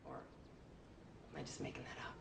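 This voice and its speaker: A woman's voice: measured pace, very noisy, lightly acted. An actress playing a hurt woman confronting a former lover, pressing hard and often slipping into a whisper. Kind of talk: TV crime drama acting.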